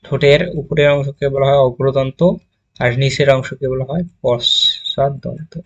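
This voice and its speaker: A man's voice: mid-range voice, little pitch movement, normal speed, highs cut off. A man teaching a grammar lesson, asking the class questions, answering them himself and sounding out letters one at a time. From Bangladesh.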